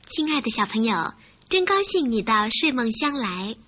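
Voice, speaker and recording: A woman hosting a children's story programme, talking directly to young listeners in an expressive, coaxing storyteller's way. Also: a little high, normal speed. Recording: muffled recording with faint music.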